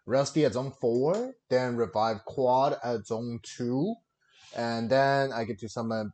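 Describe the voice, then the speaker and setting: Using a livestream headset mic, a male streamer casually narrates his own turn in a card game play-by-play, filling it with lots of fillers. His voice is medium-pitched and a little mellow, with that headset-mic sound.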